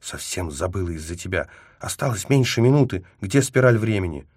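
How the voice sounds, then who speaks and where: A man's voice: deep voice, expressive, a little fast, darkish tone, slightly rough, no echo, clean studio sound. A man reading an audiobook, voicing a capricious young woman agent who teases, scolds and adores by turns. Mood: urgent. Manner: teasing, mood swings from scolding to tender. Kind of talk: audiobook character voice.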